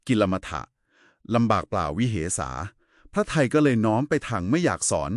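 With a fairly low pitch and a very animated delivery at normal speed, a man politely and didactically explains Buddhist scripture in a two-person discussion. The studio-quality recording has no echo.

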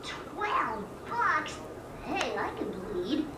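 A goofy, excitable cartoon dad, bouncing between high and low in a lively way. He sounds far off and roomy, as if coming from a TV across the house, with loud noise around him. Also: very slow, full character voice. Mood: eager. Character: bumbling cartoon dad, eager and naive. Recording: cartoon heard from a TV far across the room, noisy.

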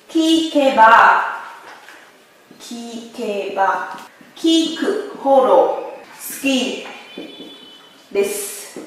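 High-voiced woman teaching in an echoey room. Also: fairly bright tone, far from the mic, slight background noise. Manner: drills words slowly, asks the class questions often. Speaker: Japanese language teacher. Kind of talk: grammar lesson.

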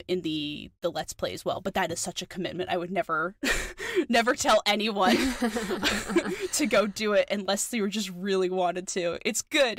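A woman with a New Zealand accent co-hosts a podcast, chatting eagerly and enthusiastically with lots of fillers. Her medium-pitched voice comes through a dry, studio-quality recording.

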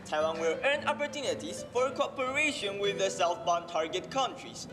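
On a large auditorium stage, a young adult man plays a Taiwanese student in a school skit, reciting English earnestly and carefully in a high, expressive voice at a moderate pace. Distant stage floor mics pick him up, with hall reverb and faint music in the background.

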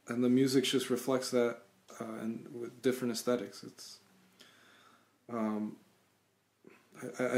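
A man in his thirties, born in Cuba, answering interview questions thoughtfully over a video call from a small room at home, with frequent pauses and restarts. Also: medium pitch, a little mellow. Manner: thoughtful, halting, many restarts and fillers. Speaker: guest musician. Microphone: webcam on video call.

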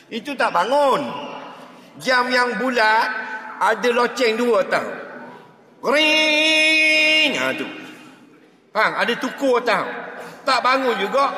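A man answers religious questions in a joking, rhetorical way during a mosque lecture. His voice sits high and sounds bright and forceful. It rings out in a big hall with long reverb. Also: expressive, measured pace, pauses often. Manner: jokey, keeps asking the crowd if they understand. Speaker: religious teacher.

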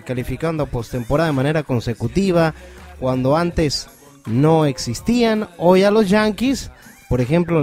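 Mexican male host of a sports talk show, joking and conversational, with a slightly raised pitch. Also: a little mellow. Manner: chatty, joking, wraps up the segment.

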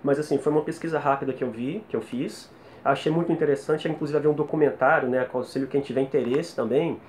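A Brazilian man in his thirties, with a fairly high, slightly mellow voice, casually reviews music to camera in Brazilian Portuguese as a video host. He keeps it conversational, often tacking on little tag questions. The small, plain indoor room carries noisy home ambience.

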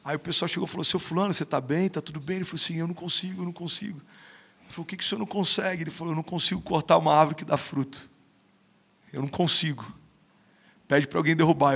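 A gravelly, husky voice that's a little high and a bit bright belongs to a man in his thirties with a Brazilian Portuguese accent. Appearing as a podcast guest, he swaps stories in a casual chat. He's emphatic and slangy, repeatedly dropping "mano."

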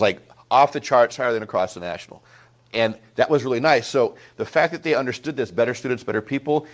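A middle-aged man giving a talk to a small group of parents, telling a story in an animated way with frequent asides to the room. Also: medium pitch. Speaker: school presenter speaking to parents.

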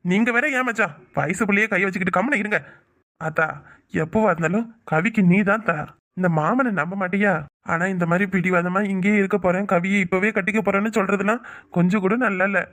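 A woman's voice: mid-range voice, a little fast, a bit bright, natural voice. Woman voicing a coaxing village uncle. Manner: coaxing, then scolding. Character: soft-hearted village uncle, family elder. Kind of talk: cartoon voice acting.

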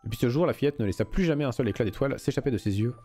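A man's voice: medium pitch, lively intonation, very fast, mellow, soft background music. A young man streaming a game live, reading the story aloud and chatting loosely with viewers, swearing freely.

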